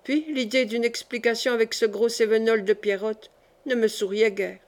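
A woman reading a classic novel aloud in the first person, in a measured and expressive way. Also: a little high. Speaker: audiobook reader.

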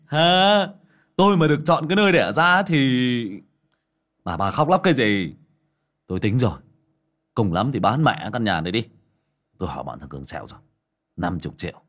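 A man's voice: sits low, very animated, fairly quick, long pauses, husky, full character voice. Man playing a haughty, bullying son. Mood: scornful. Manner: scornful, bossy, haughty. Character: spoiled, greedy young man bullying his mother.

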